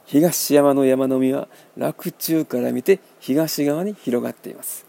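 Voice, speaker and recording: A man hosting a radio book talk, explaining in a wry, measured way. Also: medium pitch, creaky, mellow. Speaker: radio host.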